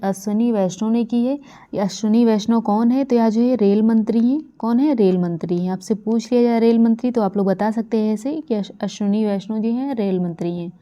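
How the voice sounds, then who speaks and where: Woman from india doing an exam prep lecture, keeps repeating the key facts, dark mellow voice, kinda muffled. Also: fairly high pitch. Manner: repetitive, drilling key facts with frequent fillers. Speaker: current affairs teacher. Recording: dull lo-fi recording.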